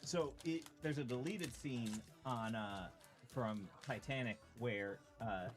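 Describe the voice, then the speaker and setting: A man's voice: mid-range voice, slow. A man co-hosting a live card-opening stream, telling rambling stories full of fillers and quoted asides. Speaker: card break co-host. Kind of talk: casual chat while opening card packs. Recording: music playing behind.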